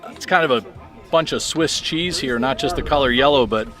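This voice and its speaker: A man's voice: medium pitch, fairly quick. Chatty man calling a baseball game. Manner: chatty, self-deprecating, jokes with co-host. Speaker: play-by-play announcer. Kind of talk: high school baseball commentary.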